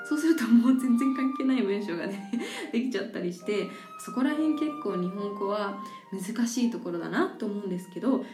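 Woman radio host chatting away, mellow voice, roomy studio, soft guitar under her. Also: on the high side. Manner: chatty, explains with examples, laughs easily. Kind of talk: casual radio talk about languages. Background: faint guitar music.

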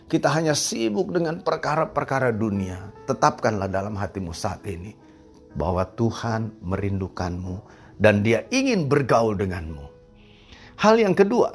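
A male pastor preaching a sermon, repeatedly addressing the congregation as brothers and sisters. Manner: preaching with lively swings in pitch and volume, often addressing "saudara". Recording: radio broadcast with faint music.

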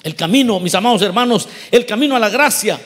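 High-voiced preacher man, conversational. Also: lively intonation, fast, fairly bright tone, long reverb tail. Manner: conversational preaching, asks the congregation questions and acts out quoted voices. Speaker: pastor. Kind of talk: sermon.

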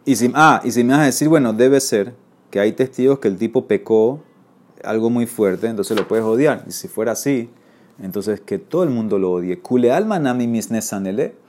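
Reading Aramaic aloud and then explaining it in Spanish, a man leads a Talmud class, frequently asking "¿ok?" to check on his listeners. His mid-range voice is expressive and a little mellow, moving at a moderate pace.

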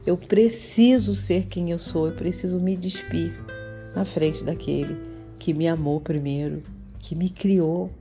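Middle-aged woman, spiritual guide, low mellow voice, gentle and personal, faint guitar behind. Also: steady tone, measured pace. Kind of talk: guided spiritual talk and meditation. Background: soft guitar music.

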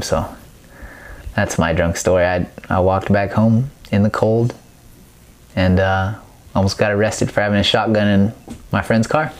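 Laid-back young man hosting a podcast. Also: on the low side. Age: young adult. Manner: loose, profane, laughs a lot. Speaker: podcast host. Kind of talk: casual storytelling.

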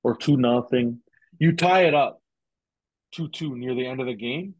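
A young man in casual podcast chat with a husky, slightly rough voice, wandering through his points and often restarting his sentences. The recording is dry and close, with no room sound. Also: mid-range voice, moderate pace, darkish tone, dry recording, dull audio. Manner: rambling, heavy use of "like" and restarts. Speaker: podcast guest.

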